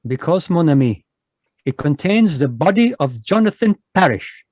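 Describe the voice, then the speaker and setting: Through a video call microphone, a man performs a fussy, smug, middle-aged Belgian detective for an old-time radio play with a fake French accent. Pompous but polite, his voice is a little high and sing-song at a moderate pace.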